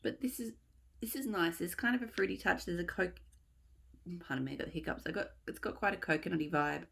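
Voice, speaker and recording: Reviewing wax melts in a laid-back haul video, this woman talks quickly and expressively in a lowish voice with vocal fry. She wanders a bit, musing aloud about each product.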